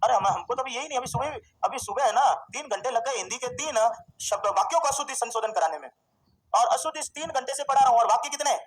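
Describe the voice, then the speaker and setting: A man teaching a Sanskrit grammar class, drilling students with questions and slowly repeating forms. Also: very high-pitched, expressive, poor audio. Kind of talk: classroom lecture.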